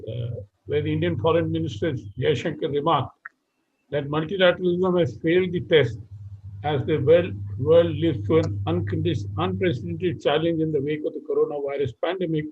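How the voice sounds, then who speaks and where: A man opens a webinar with formal, measured remarks, pausing often on fillers. His voice sits a little high. The sound is dull and lo-fi, like a video call. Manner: measured, hesitant with frequent uh fillers. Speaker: webinar moderator.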